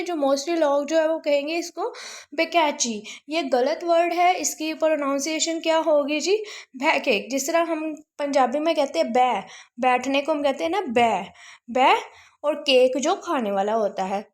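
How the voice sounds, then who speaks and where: A woman teaching English vocabulary, repeating each word slowly and drawing out its pronunciation. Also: sits high. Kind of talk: casual spoken vocabulary lesson.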